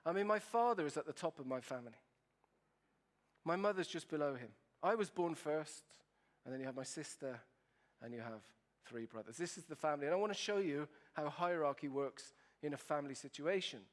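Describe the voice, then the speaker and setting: Speaker with an Italian accent, higher male voice, playful and teasing with the crowd, keynote delivery. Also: brisk. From Italy. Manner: playful, asks the audience questions. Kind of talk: humorous presentation to an audience.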